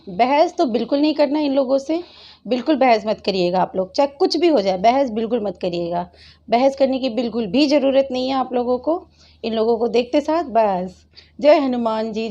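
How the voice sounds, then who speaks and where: A high-pitched woman hosts her channel and scolds, tuts and mocks the people she reacts to, breaking into laughter often. Her voice is mellow and dark in tone despite its height, and the recording sounds dull and lo-fi. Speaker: channel host. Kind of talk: mocking reaction commentary.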